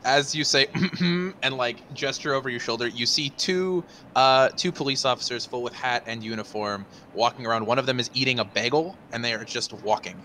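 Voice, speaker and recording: A man's voice: mid-range voice, moderate pace, few pauses, sharp tone. A man casually narrating a tabletop game as game master, in a conversational and somewhat hesitant way. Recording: noisy room recording.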